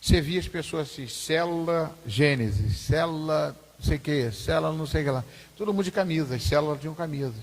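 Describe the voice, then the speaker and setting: Husky pastor in echoing hall. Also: male voice, fairly high pitch, fast talker. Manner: informal, repetitive, asks the class questions. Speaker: pastor teaching Sunday school. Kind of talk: conversational church teaching. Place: church hall. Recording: husky voice in a reverberant church hall.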